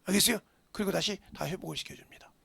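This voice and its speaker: A man's voice: sits high, racing, creaky, bright, forceful tone, slightly rough, dry recording. A male pastor preaching a sermon with emphasis. He fires rhetorical questions and often drops into a whisper.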